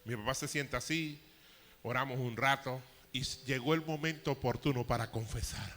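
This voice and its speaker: Pastor guy in his 50s preaching, bright voice, big echoey hall. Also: mid-range voice, moderate pace. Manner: emotional, storytelling with rising intensity. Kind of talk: sermon. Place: church hall. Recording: long hall reverb.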